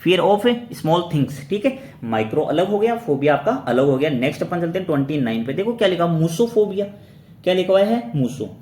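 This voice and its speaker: A man's voice: fairly high pitch, big pitch swings, fairly quick, darkish tone. A man teaching exam-prep vocabulary who keeps asking his own questions, answering them and spelling words out letter by letter. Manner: asks and answers his own questions, repeating each word. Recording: roomy echo with faint background noise.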